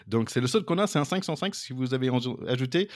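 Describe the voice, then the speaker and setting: A man's voice: medium pitch, lively intonation, fast, dry recording, clean studio sound. A middle-aged American man co-hosting a casual podcast in his second language, with many fillers and restarts. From United States. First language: English. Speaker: podcast co-host.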